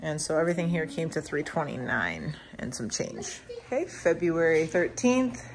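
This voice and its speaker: A woman's voice: sits low, animated. A woman in her thirties, a mother and vlogger, casually listing her grocery haul item by item with frequent ums. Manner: lists items slowly with frequent ums. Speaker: vlogger, mother of a large family. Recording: noisy home recording. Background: kids in the background.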